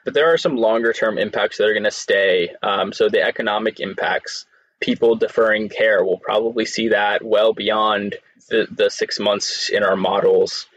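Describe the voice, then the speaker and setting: A man speaking as a guest analyst, answering thoughtfully and restarting phrases now and then. His voice is low, and the line sounds dull and dry. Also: fairly even intonation, moderate pace, a bit bright, no room sound. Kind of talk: interview answers.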